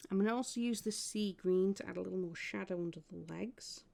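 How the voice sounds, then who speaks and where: A woman's voice: mid-range voice, a little fast, creaky, dark tone. A woman streaming as she paints miniatures, chatting casually and thinking aloud about her work. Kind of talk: casual live-stream chat.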